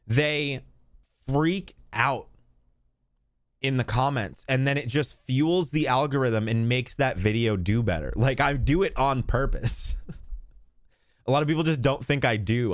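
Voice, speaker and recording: A rambling man streaming live, mid-pitched and laughing often between loose, chatty thoughts. His voice is close and dry, with no room sound around it. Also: no room sound. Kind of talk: casual live-stream chat.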